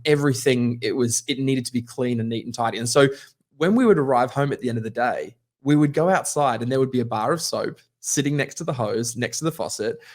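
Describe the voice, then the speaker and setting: An Australian man from Queensland giving a conversational keynote talk over a video call, telling personal anecdotes in an easy, anecdotal way. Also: mid-range voice. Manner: conversational, anecdotal, with light laughs. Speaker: keynote speaker. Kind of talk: storytelling talk.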